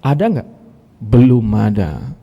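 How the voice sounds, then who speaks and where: A male preacher with a Medan accent giving a lively, direct sermon with stories, challenging the audience, in a large mosque hall. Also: mid-range voice, slow, vocal fry, husky, highs cut off. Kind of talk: sermon with storytelling.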